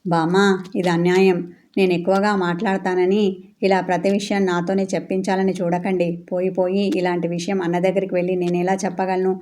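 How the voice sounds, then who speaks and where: A woman's voice: lowish voice, level tone, dark tone, close to an everyday voice. A woman voicing a playful, talkative pregnant young woman who teases and rattles on. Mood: chatty. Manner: rapid, teasing chatter.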